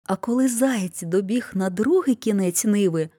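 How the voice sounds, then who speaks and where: A woman narrating a fairy tale aloud in an expressive storybook reading. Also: mid-range voice, moderate pace.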